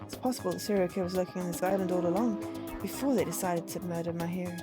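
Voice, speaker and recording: A woman's voice: fairly low pitch, fairly even intonation, very fast. A woman reading game dialogue aloud and adding casual commentary during a playthrough. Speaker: gamer playing a visual novel. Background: game music.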